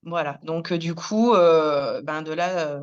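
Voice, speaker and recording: A woman in her thirties, a hairdresser, recounting her career in a hesitant interview, with many pauses and restarts. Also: low voice, dull audio. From France. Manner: many fillers and restarts, soft laughs. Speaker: hairdresser and business founder, interviewee. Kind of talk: hesitant personal storytelling.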